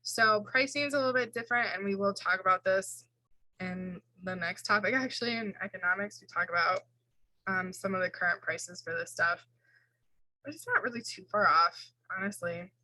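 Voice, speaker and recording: Bright-voiced woman lecturing over slides. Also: mid-range voice, normal speed, no room sound, low-quality recording. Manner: casual, explains tables with fillers and self-corrections. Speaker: instructor.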